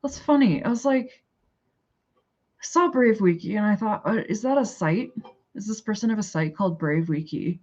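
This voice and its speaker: Her mid-range, expressive voice has a darkish tone and moves at a moderate pace, though the audio is dull. This woman with a Canadian accent is live-chatting casually with viewers, rambling, thinking aloud and answering their chat.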